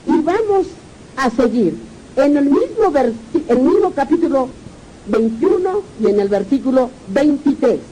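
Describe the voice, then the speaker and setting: Slow-preaching woman pastor, lively pitch. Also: slight background noise, rough recording. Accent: Peruvian Spanish. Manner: rereads verses aloud, asks the congregation questions. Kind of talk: sermon reading scripture.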